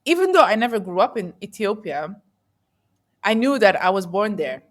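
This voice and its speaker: A woman's voice: medium pitch, sing-song, normal speed. A woman who grew up in the Netherlands, a guest in an interview, talking in an earnest, reflective way and often searching for words. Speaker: guest entrepreneur.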